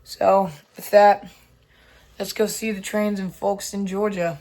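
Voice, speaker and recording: A railfan host with a hoarse, nearly lost voice, narrating a casual vlog. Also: medium pitch, flat delivery, slow pace, darkish tone. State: hoarse from losing voice.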